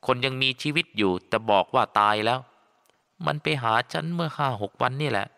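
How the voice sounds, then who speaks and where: A man's voice: mid-range voice, lively intonation, a little fast, creaky, pushed and bright, smooth. A man voicing a tearful, scheming woman, the father's younger sister, in a storybook audiobook who talks in a weepy, pleading way. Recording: long reverb.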